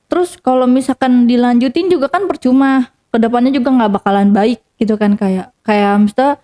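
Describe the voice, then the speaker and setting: A woman's voice: a little high, a little fast, dark tone. A young woman telling a personal story casually to an interviewer, rambling with many fillers and restarts.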